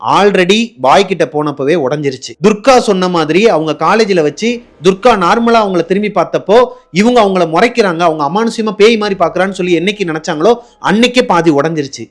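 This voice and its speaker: A man from narrating a horror story, acting out the characters' lines and dropping low and quiet for suspense. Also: brisk. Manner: acts out dialogue, drops low and quiet for suspense. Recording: faint background music.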